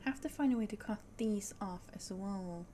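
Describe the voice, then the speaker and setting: Her voice is mid-range and mellow, moving at a moderate pace with a little background noise. She's a native Swedish speaker with a Swedish accent, livestreaming a casual puzzle game, reasoning aloud and often whispering.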